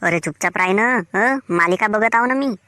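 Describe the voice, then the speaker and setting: A woman's voice: mid-range voice, moderate pace, bright, forceful tone, lightly acted. A woman voicing a lazy, stubborn village husband in a Varhadi Marathi accent, talking in a grumbling, dismissive way. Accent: Vidarbha Marathi (Varhadi). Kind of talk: cartoon voice acting.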